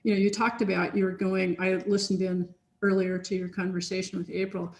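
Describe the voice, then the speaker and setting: Speaking briskly in a level, mid-range voice with a slightly mellow quality, a woman chats casually on a computer video call. She's a researcher on a software team, part of a chain conversation, and she rambles with many fillers and restarts from her home office with big sunny windows.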